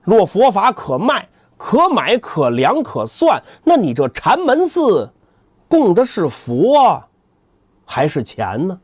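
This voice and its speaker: Man voicing an earnest pious pilgrim monk, animated pitch. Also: breathy edge, no echo, clean studio sound, exaggerated voice. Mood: earnest reproach. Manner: formal classical phrasing, measured and deliberate. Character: earnest, courteous, stubbornly pious pilgrim monk in a classical tale.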